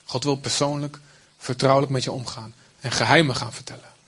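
A man's voice: medium pitch, fairly even intonation, brisk, a bit bright, husky. A man preaching a sermon, explaining the text in plain everyday speech with asides.

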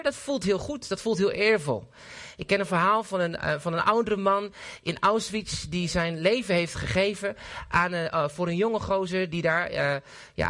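A man preaching a sermon in a church service, earnest and emphatic, often pausing with fillers and restarting his sentences. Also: sits high, fairly bright tone.

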